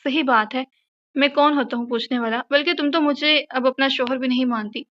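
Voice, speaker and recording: A woman's voice: sits high, fairly even intonation, fairly quick, muffled recording, natural voice. A woman voicing a proud, possessive young husband in an audio novel, asking curt, commanding questions.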